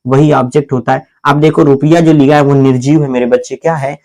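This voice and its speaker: A man teaching a grammar lesson in a classroom style, asking questions and answering them himself over and over, calling the viewer "my brother" and spelling out letters slowly. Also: medium pitch, steady tone, darkish tone. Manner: repetitive call-and-response questioning, answers his own questions; slow, deliberate spelling out of letters.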